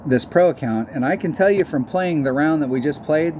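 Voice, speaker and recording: A man's voice: fairly high pitch, fairly quick, darkish tone, a little hiss or hum. A man hosting a casual gaming video, rambling and joking in a crude way with a friend. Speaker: host.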